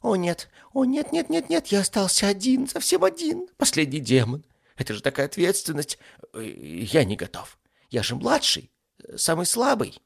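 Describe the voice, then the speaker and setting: A man's voice: high voice, wildly swooping pitch, normal speed, vocal fry, pitched above the performer's own voice, heavily acted. A man voicing a small, whiny, cowardly young male demon who panics, pleads and whimpers. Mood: panicked pleading.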